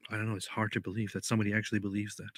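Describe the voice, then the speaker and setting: A man hosting a livestream, reacting to clips with relaxed, casual commentary and repeating his phrases. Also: fairly low pitch, rapid-fire, no room sound. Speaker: livestream host.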